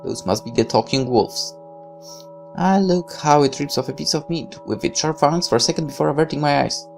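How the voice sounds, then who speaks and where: A woman with a low voice and vocal fry reads a visual novel aloud at a moderate pace, giving irreverent, sarcastic asides as she plays. Soft music runs in the background.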